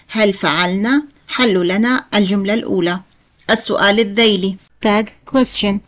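A woman teaching English, who reads example sentences slowly, then translates and explains them. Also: mid-range voice. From Jordan. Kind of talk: explaining a workbook lesson in Arabic.

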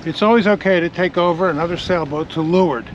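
On a moving sailboat, a man with a fairly high voice talks fast as he teaches practical sailing in an explanatory manner. The audio is muffled and full of wind and outdoor boat noise.

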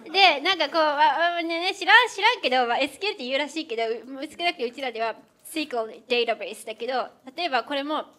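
Fast, bright-voiced chatty woman. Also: high voice. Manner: chatty, acts out quoted exchanges. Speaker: co-author and presenter. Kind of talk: lively event talk.

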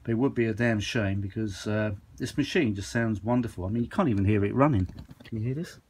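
Speaking quickly in a fairly low, darkish voice, a man shows off his vintage audio gear with loose, off-the-cuff enthusiasm. The handheld demo takes place in a carpeted room at home, with slight background noise.

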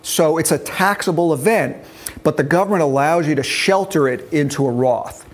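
This man's voice is fairly high-pitched and moves at a moderate pace. He's a financial planning instructor in his early sixties, talking informally about retirement money to a seated group in a meeting room, going step by step and making sure people keep up. He's recorded on a lapel mic.

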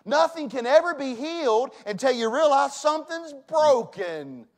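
A man, preaching a sermon in a church. He swings from loud emphasis to hushed tones. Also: extremely high pitch, very animated, a little slow. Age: 40s. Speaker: pastor. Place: church sanctuary.

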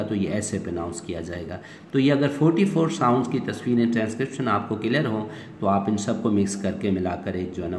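A man's voice: on the low side, a little mellow. A man teaching an online English class, explaining patiently, mixing in English phrases and filler words. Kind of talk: online lecture. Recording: echoey room with faint noise.

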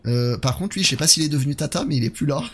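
Man livestreaming a horror game, noisy ambience. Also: a little high. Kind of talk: casual live gameplay commentary, chatting with viewers. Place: indoor gaming setup.

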